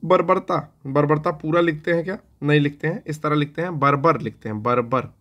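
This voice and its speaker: A man's voice: fairly high pitch, fairly quick, fairly bright tone, highs cut off. A man teaches an exam-prep spelling lesson. He talks in an easy, conversational way, keeps checking in with his students and mutters to himself as he writes. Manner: conversational, repeats "theek hai na" often; talks to himself while writing on a board.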